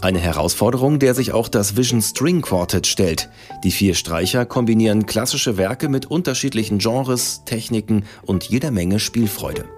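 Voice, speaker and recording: A man reading an upbeat scripted radio feature in a lively manner. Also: lowish voice, normal speed, soft background music. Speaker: radio reporter.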